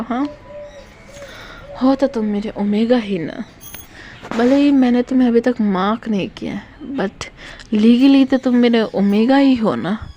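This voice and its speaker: A woman's voice: a little high, darkish tone, slight background noise. A woman voicing a possessive young male lion alpha student who talks boastfully and domineeringly. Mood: teasing.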